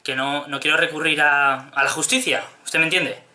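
This man in his twenties speaks with a Spanish accent from Spain, his voice on the high side, fairly even in intonation, sharp in tone and at a normal speed. He's a prank caller in a small room at home, pressing insistent complaints with a straight face.

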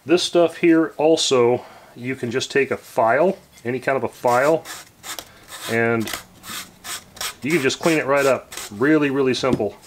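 A man in his forties hosting a casual workshop tutorial, talking in a relaxed, rambling way with many fillers and restarts, recorded in a home workshop on a camera a few feet away. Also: medium pitch, measured pace, slight background noise. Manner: relaxed and rambling, lots of fillers and self-corrections. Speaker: woodworking channel host.

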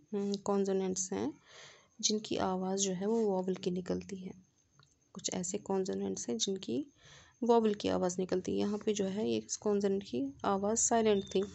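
Grammar teacher, woman with a gravelly, mellow voice. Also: mid-range voice. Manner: explains step by step, asks rhetorical check questions; reads English examples slowly and deliberately. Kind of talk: classroom grammar lesson.

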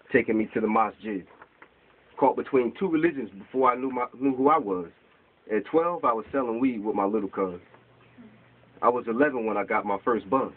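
With a mid-range voice that has a breathy edge, a man in his forties recites his own rhyming spoken word pieces from papers at an open mic in a small bookstore. His reading is rhythmic, punctuated by gestures. Audio comes from a distant camera across the room and sounds tinny and lo-fi.

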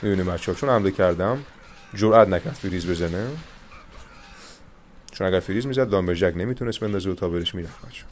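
A young man commentating his own mobile game match, calmly coaching viewers through each move. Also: low-pitched, pauses often, a little hiss or hum. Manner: coaching viewers, calm reassurance. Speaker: gaming channel host. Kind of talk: live gameplay commentary with tips.

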